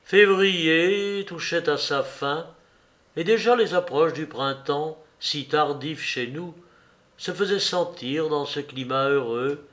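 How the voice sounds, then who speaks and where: A man reading a classic novel aloud as an audiobook narrator in a measured, literary way. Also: fairly high pitch, fairly bright tone.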